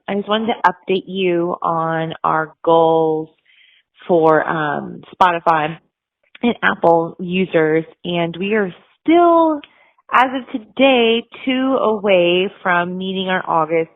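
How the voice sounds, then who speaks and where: A woman with a slightly low voice leaves a halting voicemail, dotted with ums and mock sympathy. It comes through a thin, narrow phone line that cuts away the lows and highs. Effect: heard over a phone line as a voicemail. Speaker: podcast co-host leaving a voicemail. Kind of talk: comic voicemail message.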